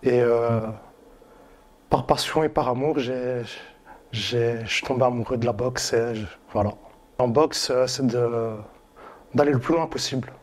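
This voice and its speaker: Un homme d'une vingtaine d'années qui parle simplement en interview, entre nombreuses pauses et hésitations. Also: male voice, mid-range voice. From Philippines. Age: 20s. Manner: relaxed, many hesitations. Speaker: amateur boxer.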